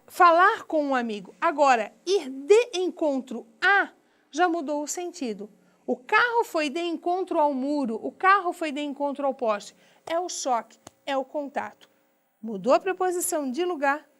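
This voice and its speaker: A woman's voice: sits high, fairly bright tone. A middle-aged woman with a Brazilian Portuguese accent giving a recorded university grammar lecture, asking questions and answering them herself. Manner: didactic, asks and answers her own questions. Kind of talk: recorded distance-learning lecture.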